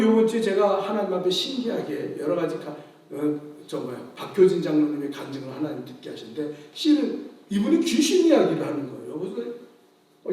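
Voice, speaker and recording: A man with a high voice preaches with great animation, breaking into shouts and acting out the voices in his story. He sounds distant from the microphone, and his voice rings through a very echoey sanctuary. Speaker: pastor. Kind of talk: sermon. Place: large church sanctuary. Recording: very echoey hall, voice from afar.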